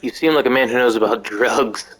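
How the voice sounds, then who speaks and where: A man hosting a casual video game playthrough, chatty and slangy, thinking out loud as he plays. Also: medium pitch, fairly quick, poor audio. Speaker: gaming channel host. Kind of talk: casual let's-play commentary. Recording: gameplay commentary with faint music behind.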